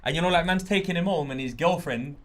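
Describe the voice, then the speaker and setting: A man's voice: a little high, fairly bright tone. A man hosting a podcast, telling anecdotes in casual street slang. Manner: fast, slangy, tells anecdotes. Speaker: podcast host.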